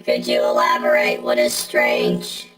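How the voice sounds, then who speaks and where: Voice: very high-pitched, wildly swooping pitch, measured pace, a bit bright. A middle-aged game streamer talking through a robot voice effect, chatting casually and answering viewers bluntly. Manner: blunt, talks back to chat. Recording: echoey room with game music.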